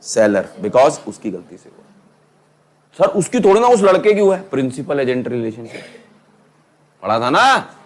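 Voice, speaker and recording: A middle-aged man teaching law to a class, lively and teasing, calling his students "beta" and asking them questions. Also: medium pitch, a little slow, long pauses. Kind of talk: classroom lecture.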